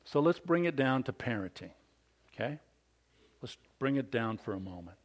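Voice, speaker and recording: A man in his fifties, a pastor, addresses fathers in a sermon, animated and big in delivery as he seeks amens from the congregation. He speaks at a normal speed in a medium pitch.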